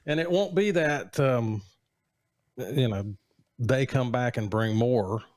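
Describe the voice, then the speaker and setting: A man in his late forties, in his 40s, co-hosts a casual podcast chat, teasing with dry jokes and wry banter. His mid-range voice is a little mellow and he takes his time. The recording has no echo.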